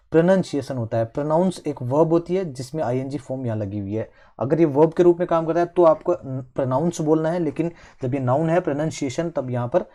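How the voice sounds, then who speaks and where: A man with an Indian English accent teaching English vocabulary in an online lesson. He explains word roots step by step in Hindi mixed with English and fills pauses with "theek hai". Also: on the high side, dark tone.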